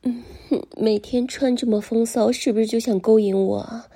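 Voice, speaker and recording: A woman's voice: a little high, steady tone, normal speed, mellow, husky. A woman voicing a crude, domineering middle-aged male boss in a contemptuous, taunting tone.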